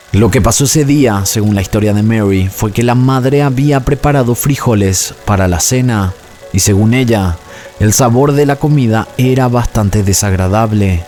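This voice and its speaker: A man with a low voice reads a scripted documentary narration in a measured, even way. Soft music plays faintly beneath him. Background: faint background music.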